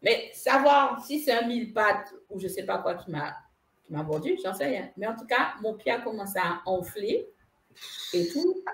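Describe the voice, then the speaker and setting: A woman tells a personal story in a loose, chatty way, looping back on her own phrases. Her pitch leaps up and down with lots of movement. The recording has a roomy echo. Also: moderate pace, a little hiss or hum. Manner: animated, repeats phrases, laughs while telling. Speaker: spiritual medium guest. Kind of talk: casual storytelling chat.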